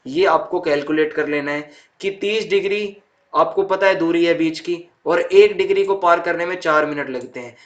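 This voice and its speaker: A man's voice: a little high, normal speed, dull audio. A young man teaching a school geography lesson, going over each point again and checking in with the students. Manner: repeats points with "thik hai" check-ins. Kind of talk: explaining a textbook chapter to students.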